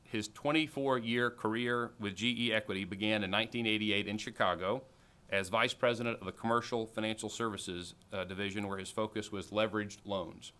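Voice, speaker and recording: Standing at a podium in a large auditorium, a man in his forties who sits on the alumni board formally introduces a guest speaker, reading from notes with frequent fillers. His lowish voice is steady, brisk, pushed and bright, with a clear, resonant tone through the podium microphone.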